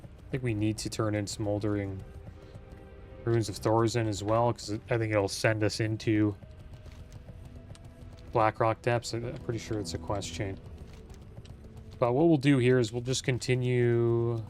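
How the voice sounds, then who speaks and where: A man's voice: lowish voice, level tone, unhurried, long pauses, a little mellow. A man giving casual, informal let's play commentary as a gaming video host. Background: faint game music and sounds.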